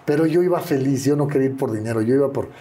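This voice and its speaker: A man's voice: mid-range voice, racing, warm tone. An older man with a Mexican Spanish accent, telling anecdotes as an interview guest and acting out the voices of people he quotes. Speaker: interview guest, retired wrestler. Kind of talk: casual storytelling interview.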